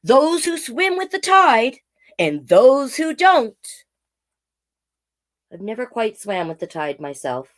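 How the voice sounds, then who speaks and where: Reading picture books aloud with lively energy, this woman speaks a little high, moves slowly, pauses often, and lets her pitch swing widely. She keeps things playful and encouraging, chatting directly to the young audience between pages.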